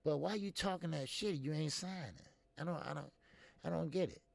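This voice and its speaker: A man's voice: fairly high pitch, a little fast, gravelly, a little mellow, no echo. A man in his fifties hosting a casual boxing talk stream, blunt and talkative, answering viewers' comments as he goes. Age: 50s. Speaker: boxing show host.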